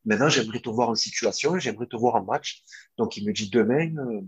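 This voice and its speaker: A young man, a former footballer, telling a long story in a casual interview, animated, with lots of fillers and restarts. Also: medium pitch, a little fast, husky.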